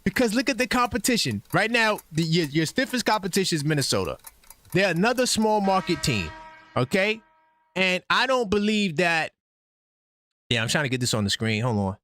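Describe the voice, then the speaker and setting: A man hosting a live sports call-in stream, talking excitedly and breaking in with news for his viewers. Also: sits high, normal speed, no echo. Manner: animated, breaks in with updates, talks straight to viewers. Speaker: host of a sports call-in livestream.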